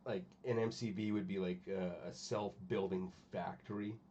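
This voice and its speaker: A man's voice: low voice, fairly even intonation, normal speed, dark tone, lo-fi sound, slight background noise. A man with the hiccups, rambling casually to his chat while painting miniatures. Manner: rambling, distracted, talking to stream chat. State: has the hiccups. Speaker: channel host.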